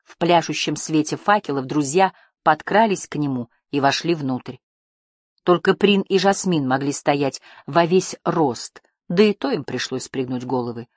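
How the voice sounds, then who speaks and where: Woman narrator, low voice, husky, calm audiobook reading, dry close sound. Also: unhurried, dry recording.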